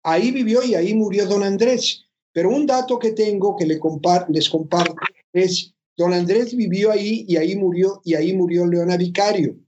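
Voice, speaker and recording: A speaker in casual talk adding curious historical details in a measured way, with fillers. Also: mid-range voice, muffled recording, background noise.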